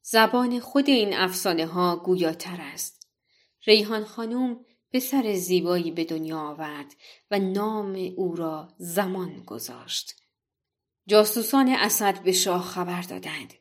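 A woman narrating a folktale in a measured, expressive reading voice. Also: on the low side. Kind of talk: scripted storytelling narration.

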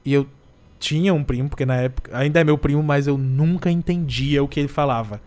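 A man's voice: on the high side, a little fast, darkish tone. Joking man from co-hosting a podcast. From Morada Nova, Ceará, Brazil. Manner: joking, laughs a lot, stresses points. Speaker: podcast co-host. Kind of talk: casual podcast chat.

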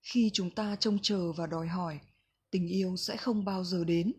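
Breathy woman reading gently. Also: lowish voice, steady tone, normal speed. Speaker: book reader. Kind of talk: calm reflective book reading.

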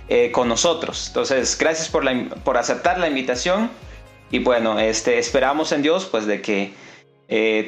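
A man hosts a faith podcast in a halting, friendly way, pausing and restarting often. His voice sits at a middle pitch. It rings in an echoey room with faint music underneath. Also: a bit bright. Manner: hesitant, many fillers and restarts. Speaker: podcast host. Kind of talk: casual interview with many fillers.

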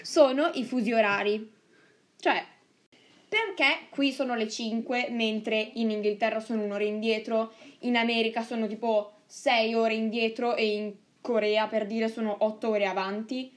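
Young woman, podcast co-host, fairly high voice, emphatic and contrary in casual banter. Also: fairly even intonation, normal speed. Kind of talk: casual banter among friends.

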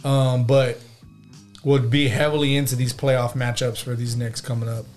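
A man's voice: mid-range voice, level tone, normal speed, darkish tone, faint music behind. A man hosting a casual podcast chat, talking loosely with lots of fillers and frequent laughs. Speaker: podcast host.

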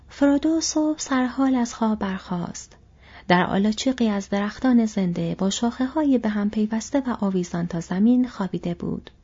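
Woman audiobook reader, whispery and dark-toned, lo-fi sound. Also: medium pitch, husky. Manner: soft, whispery reading. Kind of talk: audiobook narration. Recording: dull lo-fi recording.

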